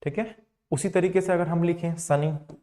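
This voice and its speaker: A man teaching an English lesson, explaining slowly, repeating words for emphasis and answering his own questions. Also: fairly high pitch, fairly even intonation, warm tone. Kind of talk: classroom lesson.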